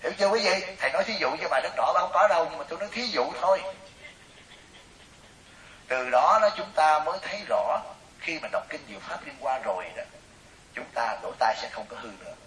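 A man, a Buddhist monk, giving a sermon to his congregation, telling lively everyday stories and often asking his listeners questions. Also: a little high, brisk. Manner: animated storytelling, acts out quoted voices, asks audience questions. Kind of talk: dharma talk sermon. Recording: roomy, distant, hissy recording.

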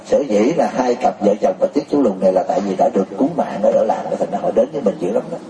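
In a quick, animated sermon, a Buddhist teacher with a dark, lowish voice fires rhetorical questions at his congregation and frequently laughs as he goes. The mic sits at a distance in a roomy space, and there's slight background noise.

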